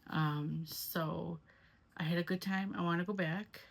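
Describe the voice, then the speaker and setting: A woman with a low-pitched voice that often drops into vocal fry. She talks in a casual, rambling vlog style, recounting things conversationally in the first person. Her intonation stays fairly flat throughout. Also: a little slow. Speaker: amateur paranormal investigator vlogger.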